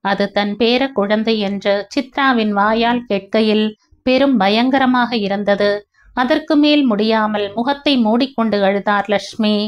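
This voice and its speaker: A woman storyteller giving scripted audiobook narration in an emotive, measured way. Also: a little high. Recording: dull lo-fi recording.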